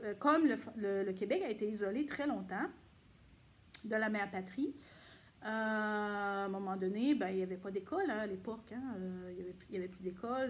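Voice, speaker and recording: A woman from Quebec with a Québécois French accent, explaining casually to camera in a chatty way with frequent pauses. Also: mid-range voice. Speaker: vlogger.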